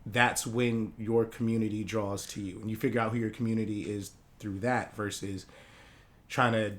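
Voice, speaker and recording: A man who grew up in Hawaii, a guest artist talking in a casual interview, relaxed and rambling with many fillers. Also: fairly low pitch, moderate pace.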